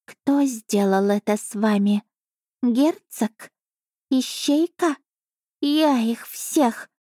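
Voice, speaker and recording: A woman voicing a fierce, protective female cat familiar in an audiobook, speaking high and slow. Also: mellow, dry recording, clean studio sound.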